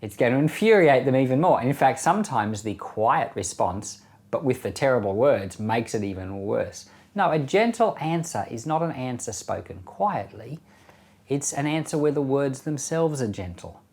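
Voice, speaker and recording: A male pastor who reads scripture slowly, then comments in a relaxed, conversational way with frequent soft chuckles. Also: medium pitch. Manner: reads verses slowly and deliberately.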